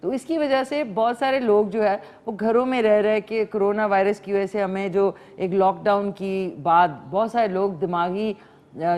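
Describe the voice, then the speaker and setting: A woman's voice: medium pitch, darkish tone. A woman with a Pakistani Urdu accent hosting a live morning call-in show, chatty and slipping English phrases into her talk. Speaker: morning show host taking calls.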